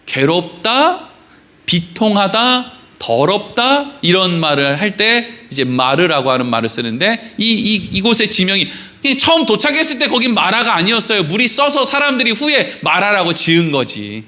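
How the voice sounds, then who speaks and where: A man pastor preaching a sermon in a church, animated and joking with the congregation, acting out quoted voices. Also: sits high, moderate pace. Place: church sanctuary.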